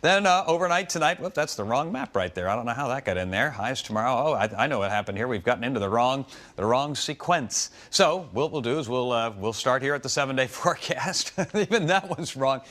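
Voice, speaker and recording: A man's voice: medium pitch, expressive, brisk, a bit bright. A man presenting a live weather forecast, flustered by wrong maps but joking it off.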